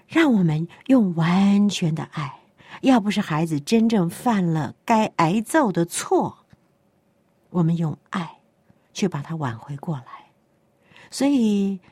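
A middle-aged woman preaching a sermon. She tells stories in a lively way and often asks the listeners questions. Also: on the low side, slow, breathy edge, dry recording. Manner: lively storytelling that acts out dialogue. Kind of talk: sermon on parenting.

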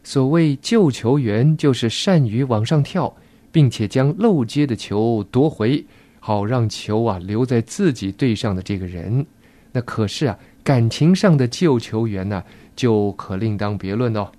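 Male radio host, mellow dark voice, easygoing advice tone, dry studio. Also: mid-range voice, expressive, a little slow, no echo.

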